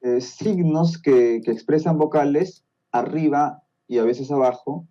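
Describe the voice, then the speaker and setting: Peruvian guy explaining stuff slowly, really dark mellow voice, kinda dull lo-fi sound. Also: a little high. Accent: Peruvian Spanish. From Peru. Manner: patient, explaining step by step with frequent checks like "¿no?". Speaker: guest expert on Tolkien's languages. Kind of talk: explanatory podcast talk.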